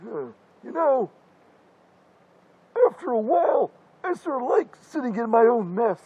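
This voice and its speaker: A weary, older masked slasher rants and yells in frantic, crude bursts, as a man acts him out. His voice is very high and swings widely, with a husky edge. The sound is dry and close, as in a comedy parody sketch. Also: very animated, measured pace, dull audio, full character voice. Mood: exasperated.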